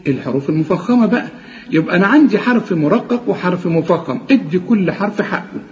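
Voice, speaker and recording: A man with an Egyptian Arabic accent teaching Quran recitation rules, explaining each rule and then chanting the example words slowly and drawn out. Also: high voice, animated. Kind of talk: tajweed lesson with chanted examples. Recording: dull, lo-fi audio with long reverb.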